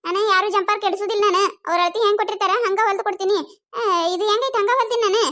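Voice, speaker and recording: A performer voicing a proud village tailor woman with a North Karnataka accent who snaps back quickly in a cartoon comedy. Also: very high-pitched, fairly even intonation, pushed and bright. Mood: defensive. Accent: North Karnataka Kannada. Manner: defensive, quick retorts.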